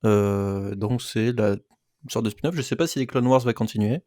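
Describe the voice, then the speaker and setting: A man's voice: lowish voice, normal speed, dark tone, no room sound. Podcast co-host guy, jokey, stumbles with euhs, dry mic. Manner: hesitant, joking, many fillers. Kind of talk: casual podcast chat.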